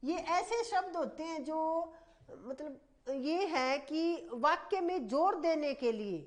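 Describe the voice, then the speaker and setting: A woman's voice: sits high, lively intonation, slow pace. A woman teaching a grammar lesson for exam students, explaining at length and repeating points, often calling her students "bhai".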